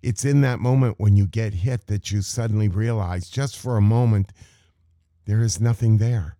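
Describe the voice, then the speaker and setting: A man teaching meditation in a contemplative spiritual talk, measured and full of rhetorical questions. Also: fairly low pitch, warm tone, no room sound, studio quality.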